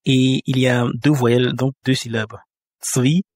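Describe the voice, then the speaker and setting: A man teaching a pronunciation lesson at a mid-range pitch, with a patient and unhurried delivery. He says each example word more than once, slowly, and often stops to search for a word. The sound is close and dry, with no room around it. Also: level tone, no echo. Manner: patient, repeats example words slowly, frequent hesitations. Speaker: language teacher. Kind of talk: spoken lesson explaining pronunciation.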